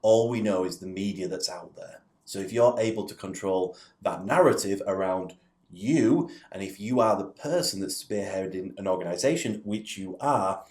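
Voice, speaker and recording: A podcast guest who works as a digital influence facilitator explains things conversationally, posing rhetorical questions. His low voice is a little mellow at a moderate pace, and the indoor recording sounds roomy and echoing.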